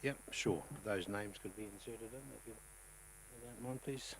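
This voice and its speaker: A man who chairs a local council meeting as mayor. He has a New Zealand accent, talks in a relaxed way with many ums, and speaks up when he calls the votes. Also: fairly low pitch, a little slow, slight background noise, low-quality recording.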